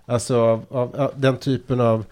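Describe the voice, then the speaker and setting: A man's voice: mid-range voice, little pitch movement, darkish tone. A man hosting a talk about poetry, speaking hesitantly with many restarts as he explains. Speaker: podcast host. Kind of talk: casual discussion of poetry.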